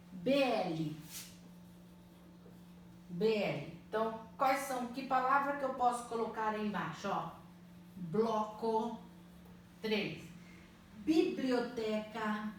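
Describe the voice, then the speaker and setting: A woman teaching a primary school language lesson, spelling out words slowly and patiently, often checking that the children follow. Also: mid-range voice. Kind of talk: slow, clearly spelled-out online lesson. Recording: echoey room, mic at a distance, faint noise.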